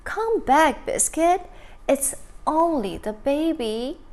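Brief: a little girl chiding her pet in a storybook reading, put on by a woman, higher and lively, slow and emphatic. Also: exaggerated voice. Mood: coaxing.

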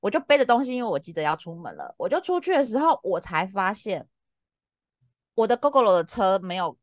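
一位三十多岁、带台湾口音的女播客主持人，闲聊时讲故事，语气激动、无奈，常常笑。. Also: female voice, brisk, no echo, studio quality. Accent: Taiwanese Mandarin. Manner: exasperated, lively, laughs often, big pitch jumps. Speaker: podcast co-host. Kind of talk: casual chat, animated storytelling.

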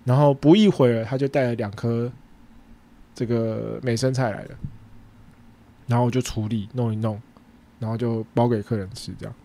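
A man with a Taiwanese Mandarin accent, hosting a podcast and casually retelling a story, acting out bits of dialogue with sudden jumps in pitch. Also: fairly even intonation, moderate pace, long pauses, dark tone, a little hiss or hum. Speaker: podcast host and food truck owner.

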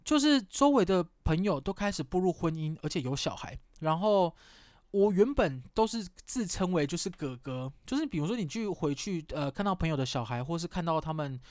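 Guy around 30 rambling on his podcast, pokes fun at himself, kinda high voice, dry close mic. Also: sing-song, brisk, a little mellow, dry recording. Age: 30s. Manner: candid, rambling, self-mocking with mild swearing. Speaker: podcast host. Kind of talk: casual chat.

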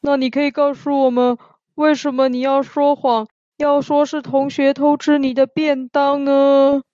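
A woman voicing a patient schoolteacher who speaks in a gentle, measured way. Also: high-pitched, flat delivery, no echo, lo-fi sound. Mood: calm.

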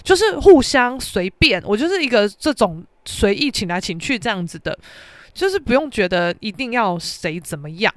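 A young woman with a Taiwanese Mandarin accent, hosting a podcast and telling a story in an animated, exasperated way. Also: a little high, moderate pace, no echo. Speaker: podcast host. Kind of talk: casual storytelling.

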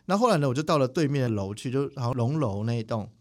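A man, a spiritual teacher telling stories as a guest in a studio interview, animated and quick to mimic others. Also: medium pitch. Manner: animated, quick, mimics people mid-story. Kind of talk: casual interview storytelling. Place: podcast recording studio.

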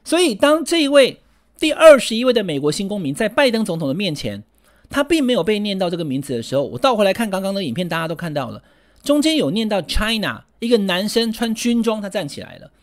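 A man's voice: high-pitched, sing-song, fast talker. A middle-aged man with a Taiwanese Mandarin accent giving political commentary, emphatic and full of rhetorical questions.

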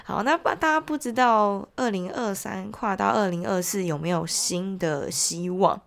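Sounding stuffed up from a bad cold, a woman with a Taiwanese accent talks informally in her solo audio diary; she's a podcast host and entrepreneur. Her voice is mid-range with vocal fry, and she speaks at a normal speed.

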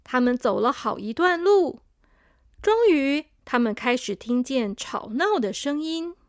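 A woman storyteller reading a children's story, gentle and speaking to young listeners. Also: sits high, expressive, unhurried, no room sound, clean studio sound.

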